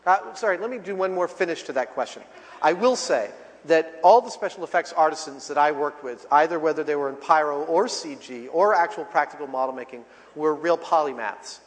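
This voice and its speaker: A man's voice: on the high side, a little fast. A man answering audience questions at a live talk, enthusiastic and loose, with some swearing. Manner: enthusiastic, loose, a bit profane. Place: large hall at a convention. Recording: large hall with audience.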